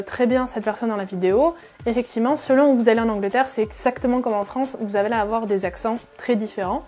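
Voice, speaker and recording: A woman's voice: on the high side, a little mellow. A woman hosting a reaction video, explaining casually with many fillers and frequent restatements. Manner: chatty, many fillers and repeated "effectivement".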